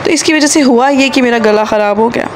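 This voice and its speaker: Hoarse from a sore throat, this thirties-aged woman with a Pakistani Urdu accent does a chatty voice-over for her road-trip travel vlog. Her voice sits on the high side and moves fairly quickly, repeating phrases for emphasis over a noisy background.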